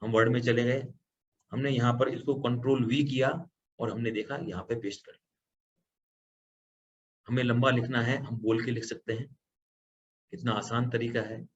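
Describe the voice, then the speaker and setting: A man's voice: mid-range voice, fairly even intonation, moderate pace, pauses often. A man patiently presenting a computer tutorial, explaining each step as he goes. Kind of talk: screen-recorded software tutorial. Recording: slightly dull lo-fi audio with faint background hum.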